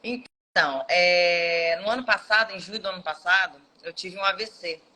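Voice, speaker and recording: A woman's voice: fairly low pitch, moderate pace, bright, forceful tone, a little hiss or hum, low-quality recording. A woman in her thirties telling an emotional personal testimony as an interview guest, speaking earnestly. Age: 30s.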